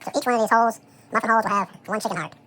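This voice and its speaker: Chipmunk-effect voice, sped up; relaxed home cook narrating a task, very fast, bright. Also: a little hiss or hum. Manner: relaxed, thinks aloud with frequent "um" and "so". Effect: sped-up chipmunk voice, high and fast. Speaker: home cook preparing dog food. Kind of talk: casual how-to commentary while working.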